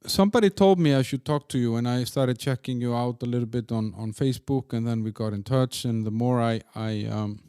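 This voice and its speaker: A man's voice: medium pitch, fairly quick, hardly any pauses, dark tone, smooth, no room sound, studio quality. A man hosting a podcast interview, asking his guest questions in a loose, rambling way. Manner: rambling, with many fillers and restarts. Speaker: podcast host. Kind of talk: casual interview.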